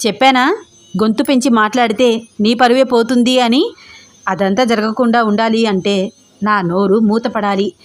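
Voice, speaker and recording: A woman voicing a spiteful older mother-in-law who speaks slowly and slyly with veiled threats. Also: fairly high pitch, steady tone, close to an everyday voice. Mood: sly, threatening. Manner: slow, sly, threatening.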